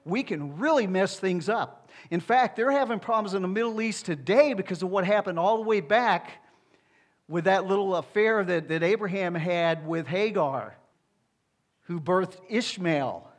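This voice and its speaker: A man's voice: high-pitched, moderate pace. A middle-aged man, a pastor, preaching a conversational sermon with rhetorical asides to the congregation.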